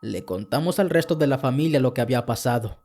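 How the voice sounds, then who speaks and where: A man telling a first-person horror story as a podcast narrator, earnest and steady. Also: mid-range voice, fast.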